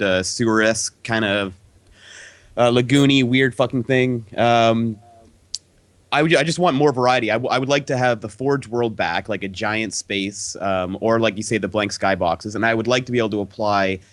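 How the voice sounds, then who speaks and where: A man's voice: lowish voice, moderate pace, a bit bright, no room sound. A man co-hosting a podcast in loose casual chat, full of fillers and easy swearing. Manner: loose, filler-heavy, laid-back swearing. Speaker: podcast co-host. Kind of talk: casual chat over a Skype call.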